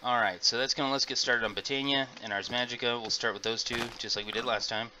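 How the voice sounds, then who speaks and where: A middle-aged gaming video host rambles through casual let's-play commentary, chatting with viewers as he plays. His mid-range voice is fast and fairly even, recorded on a noisy home mic.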